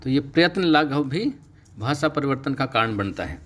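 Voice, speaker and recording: A middle-aged man teaching a Sanskrit class, explaining steadily and slowing down to stress key terms. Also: mid-range voice, lively intonation, a bit bright. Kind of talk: recorded online lecture.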